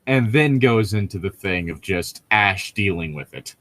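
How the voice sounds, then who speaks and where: His voice sits low with lively intonation and a fairly bright tone, delivered at a measured pace on a dry recording. He's a podcast co-host discussing a book in casual comedic chat that wanders into tangents and self-corrections.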